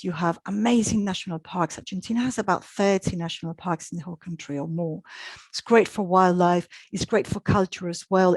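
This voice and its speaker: Presenting a travel webinar live online, a middle-aged woman from Chile speaks on the low side with a darkish tone. She's conversational, frequently pausing with ums and restarting her sentences, and no room sound is audible.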